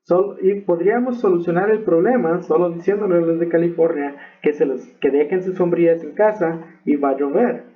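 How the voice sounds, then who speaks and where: A man teaching English pronunciation in a recorded lesson, explaining patiently and checking in with "ok?". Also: on the high side. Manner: slow, patient explaining with frequent "ok?" check-ins. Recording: tinny phone-like audio.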